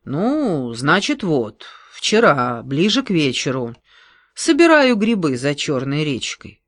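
A reader voicing a naive, awkward young man who tells his story haltingly, in an audiobook. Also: mid-range voice, very animated, fairly bright tone, no echo, clean studio sound, full character voice. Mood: hesitant. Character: naive awkward young male forester's son.

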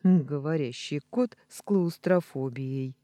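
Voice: mid-range voice, big pitch swings, slow pace, warm tone, husky, no echo, studio quality, faint music behind, full character voice. An audiobook reader voicing a young woman who meets the afterlife with wry, sardonic remarks. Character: young woman, sardonic and quick-witted newcomer. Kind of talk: audiobook reading.

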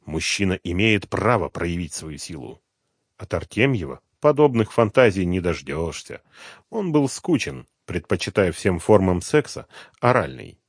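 Low-voiced man narrating an audiobook. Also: husky, no room sound, studio quality. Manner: measured, expressive storytelling. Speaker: audiobook reader. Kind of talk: scripted narration.

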